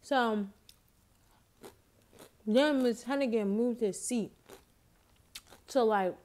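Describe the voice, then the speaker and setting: A woman's voice: a little high, drawn-out words, darkish tone. A woman casually telling a story in slangy speech while eating, her mouth sometimes full. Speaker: vlogger.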